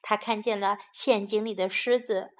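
A woman teacher narrating a children's story in a slow, gentle storytelling manner. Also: mid-range voice, steady tone.

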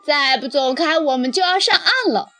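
A woman's voice: high voice, animated, normal speed, bright, forceful tone, dry recording, soft background music, pitched above the performer's own voice. A woman voicing a mischievous village boy who blusters and makes threats. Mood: blustering.

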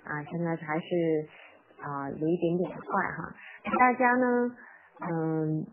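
Female English teacher, live stream, patient and repetitive, lowish voice, tinny phone-line sound. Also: expressive. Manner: patient and instructive, repeats words slowly and spells out sounds; reads the rhyme aloud at slow, medium and fast speeds. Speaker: English teacher for parents and children. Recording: tinny phone-like sound with faint background noise.

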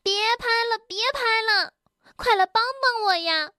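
A woman voicing a timid, excitable male rabbit in a children's storybook, with a squealing, flustered and whiny manner. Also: very high-pitched, slow pace, no echo, studio quality, heavily acted. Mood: panicked.

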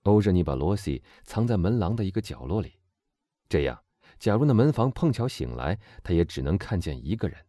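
Guy reading a novel aloud, mellow low voice, lots of expression, no room echo. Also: studio quality. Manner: measured, expressive storytelling. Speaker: audiobook narrator. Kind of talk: scripted narration.

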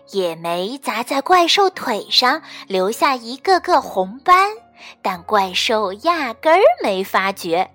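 A woman storyteller gently and expressively reading a bedtime story to children. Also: sits high.

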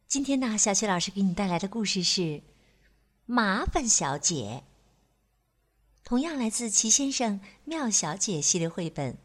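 A woman telling a story to young children, expressive and playful, with chatty asides to the listener. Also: medium pitch.

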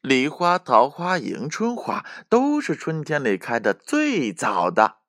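A man pitches his voice up for a happy little storybook squirrel. The voice is high and chirpy, close and dry. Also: wildly swooping pitch, takes it slowly, a bit bright, dry recording, full character voice.

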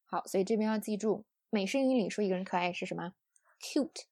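Woman, English teacher, friendly chatty lesson, mellow warm tone, dry close sound. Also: medium pitch, racing, dry recording. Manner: friendly and chatty, with soft sentence-final particles. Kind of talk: explaining English usage to students.

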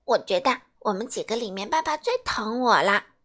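A woman's voice: on the high side, animated, normal speed, fairly bright tone. A woman voicing a small, boastful baby ankylosaurus in a storybook. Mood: smug. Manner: smug, childlike.

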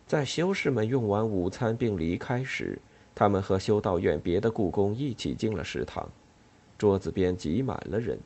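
A man's voice: lowish voice, normal speed, husky. A man narrating a novel as an audiobook, telling it expressively. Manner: expressive, animated storytelling.

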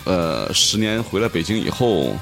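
A man's voice: sits low, sing-song, moderate pace, vocal fry, a bit bright, soft background music. A man from northeastern China with a Northeastern Chinese accent, bantering casually in colloquial dialect slang as a guest on a chat show. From northeastern China, later lived in Canada. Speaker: restaurant owner, podcast guest.

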